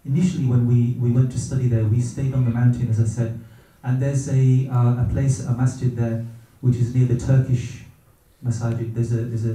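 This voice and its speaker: Deep, very dark and mellow, the middle-aged man's voice carries a reverent, gentle reflection on his own religious experience. He takes his time, hesitating often with pauses and fillers as he collects his thoughts. A strong echo fills the room because he sits well back from the mic.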